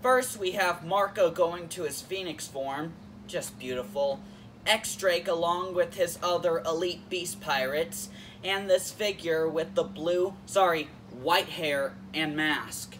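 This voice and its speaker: A man's voice: fairly high pitch, slow, fairly bright tone, recorded from a distance, slight background noise. A man hosting a casual YouTube episode review in a jokey, playful way. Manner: jokey, playful, switches into silly voices.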